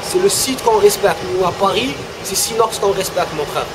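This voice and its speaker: A man's voice: high-pitched, lively intonation, moderate pace, background noise. A male rapper talking bluntly and with swearing in a casual interview, then rapping a freestyle. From Algeria.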